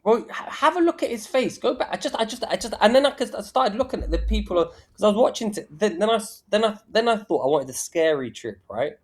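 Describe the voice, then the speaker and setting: A man chatting on a podcast, excitable and swearing, stumbling over his words. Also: sits high, brisk, hardly any pauses. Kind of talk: casual chat.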